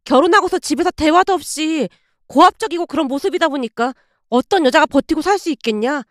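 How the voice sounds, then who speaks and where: A chatty female nurse trading hospital gossip in a confiding, knowing tone, as a woman reading a story puts her on. The voice sits high and sounds dry, with no room around it. It is told as a spoken storybook. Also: fairly quick, no echo, lightly acted.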